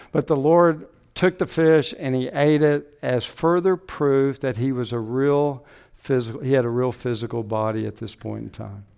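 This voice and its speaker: A male pastor preaching with a smooth, resonant voice at an ordinary pitch. He explains earnestly and leans on repetition to drive each point home. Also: darkish tone. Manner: earnest, explanatory, repeats words and phrases for emphasis. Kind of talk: sermon.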